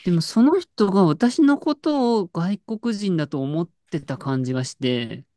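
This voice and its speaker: A woman's voice: lowish voice, lively intonation, moderate pace, mellow, dry recording. A woman in casual chat, telling an anecdote with lots of fillers and restarts. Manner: storytelling with frequent fillers and laughs.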